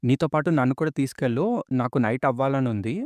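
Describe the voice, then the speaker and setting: A man's voice: mid-range voice, quick pace, darkish tone, dry recording, lightly acted. A man voicing an eager small boy who begs to become a knight.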